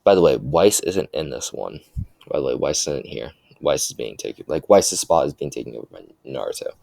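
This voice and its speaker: A young man improvising a fan-fiction story aloud, halting, with many restarts and fillers. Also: very deep voice, expressive, gravelly, a little mellow, no echo.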